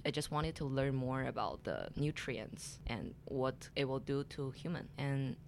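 Young woman with a gravelly edge. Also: extremely low pitch, lively intonation, a little slow, slight background noise. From China. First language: Chinese. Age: early 20s. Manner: hesitant, with restarts and light laughs. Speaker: guest. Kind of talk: casual interview answers.

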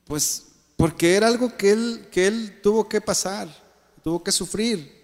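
A man with a Mexican accent preaching a sermon, swinging between emphatic lines and soft, quiet asides. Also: high-pitched, a little slow. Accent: Mexican Spanish. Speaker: pastor. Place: church. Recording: echoey church hall.

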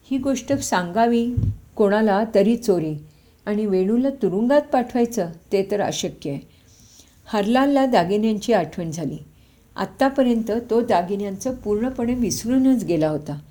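A woman reading a short story aloud as a storyteller, in steady narration with the characters' lines spoken in quotes. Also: medium pitch.

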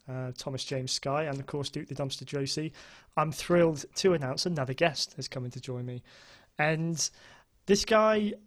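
A man with a southern British accent hosting a casual interview in a hesitant, rambling, enthusiastic way. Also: medium pitch. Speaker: podcast host.

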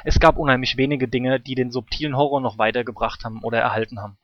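A man's voice: mid-range voice, steady tone, fast, no room sound, dull audio. A man co-hosting a casual gaming podcast who chimes in and asks questions back. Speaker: podcast co-host.

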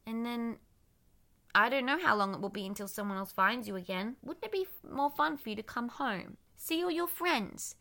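Polite helpful young girl, courteous, bright tone, a woman reading. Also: fairly high pitch, lively intonation, moderate pace, creaky, exaggerated voice. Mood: coaxing. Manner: polite, pleading.

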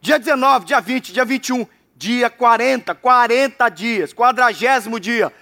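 A man from Brazil preaching a lively sermon, acting out the voices in the story. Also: very high-pitched, a little slow. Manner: animated, acts out characters in quotes. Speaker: pastor. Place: church abroad.

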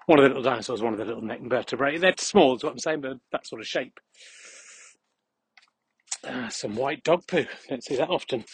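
A man's voice: medium pitch, moderate pace, pauses often, a little hiss or hum. A man hosting a podcast as a casual, rambling monologue while walking outdoors on a country path. He is out of breath and adds dry, jokey asides. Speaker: podcast host.

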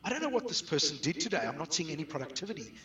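Racing along with a sharp tone and sing-song lilt, this middle-aged man with a South African accent answers interview questions in a fairly high voice as a guest expert on outsourcing businesses. The sound is roomy and echoey, with him distant from the mic.

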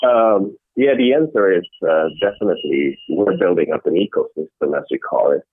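A middle-aged man from the Netherlands answering interview questions in a measured way, often restarting his sentences. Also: low voice, slightly rough, no room sound. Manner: measured, with frequent restarts and fillers. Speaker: interview guest, innovation executive. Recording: dry, tinny phone-like call audio.

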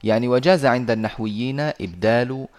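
A man teaching Quran recitation over a video call, patiently explaining and slowly reciting verses. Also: medium pitch.

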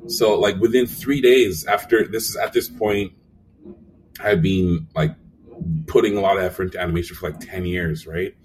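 A young man with a low, deep voice tells stories as an interview guest. He acts out conversations and talks with plenty of fillers. He sounds a little away from the mic, with faint noise in the room. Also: moderate pace, recorded from a distance. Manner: animated storyteller, acts out quotes, frequent fillers. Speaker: animation supervisor guest. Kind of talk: casual storytelling interview.

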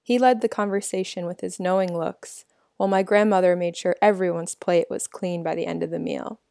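Podcast host lady narrating, bit of fry in her voice, calm storytelling. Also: lowish voice, a little fast, no room sound.

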